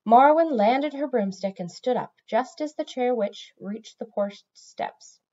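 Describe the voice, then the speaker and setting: A woman reading a fantasy novel aloud in an expressive storybook narration, on a dull lo-fi recording. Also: fairly high pitch, unhurried. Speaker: audiobook reader.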